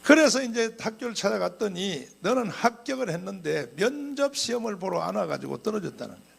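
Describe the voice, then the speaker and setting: Gravelly, husky male pastor preaching. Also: high voice, fairly quick. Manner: animated, frequent throat clearing. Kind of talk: sermon storytelling.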